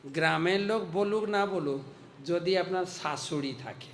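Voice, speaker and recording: A monk delivering a storytelling sermon, animated and dramatic, acting out the voices in the story. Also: male voice, sits high, measured pace, slight background noise.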